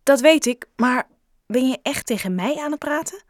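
A woman's voice: high voice, animated, normal speed, no room sound, clean studio sound, voice pushed up. A woman voicing an awkward, self-conscious schoolboy who stammers in a read-aloud story. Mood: flustered.

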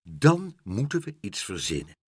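A man doing a calm sensible father. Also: fairly low pitch, measured pace, slightly rough, no room sound, studio quality, exaggerated voice.

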